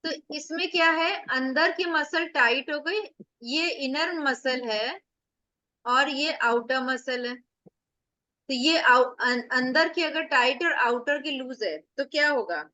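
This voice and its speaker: A woman's voice: sits high, slow, pushed and bright, no room sound. A woman acupressure teacher giving an online revision lecture over a video call, explaining step by step with rhetorical questions and staying firm with her students.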